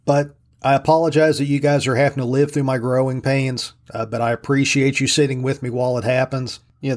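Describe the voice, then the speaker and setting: A man's voice: medium pitch, darkish tone. A man with an Appalachian-style Southern US drawl, hosting a casual solo podcast in a humble, self-deprecating way. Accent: Southern US hillbilly drawl, Appalachian-like.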